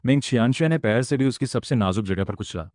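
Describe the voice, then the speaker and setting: A man narrating a comic-style story recap in a steady, dramatic storytelling manner. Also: medium pitch, fast talker, no room sound, clean studio sound.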